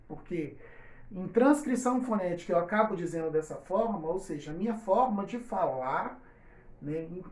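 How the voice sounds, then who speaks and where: A woman teaching a recorded lesson to children, patiently repeating example words slowly. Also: mid-range voice. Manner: addresses children directly. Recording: echoey room, voice from a distance.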